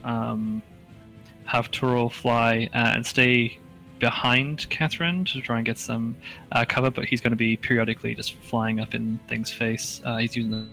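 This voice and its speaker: A man plays a tabletop game, describing his character's moves in a mid-pitched voice. He talks in halting phrases full of fillers and little chuckles. Faint music runs behind him. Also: little pitch movement, vocal fry, pushed and bright, poor audio. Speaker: player. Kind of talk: casual game chat.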